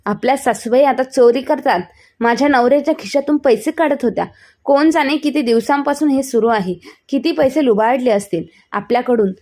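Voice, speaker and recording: A woman voicing an angry, scornful young daughter-in-law in a spoken family story, with a sharp, accusing way of talking. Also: a little fast. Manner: shrill accusing.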